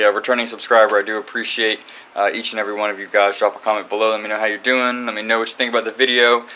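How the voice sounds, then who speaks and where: A man's voice: fairly low pitch, sharp tone, a little hiss or hum, poor audio. A man hosting his own channel, chatting casually and rambling as he walks through a repair job. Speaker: channel host. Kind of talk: casual garage vlog walkthrough.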